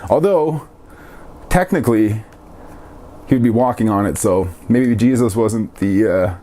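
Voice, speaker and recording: A man giving a casual language lesson, repeating each word slowly and joking lightly as he explains. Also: on the low side, dark tone. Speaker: language teacher.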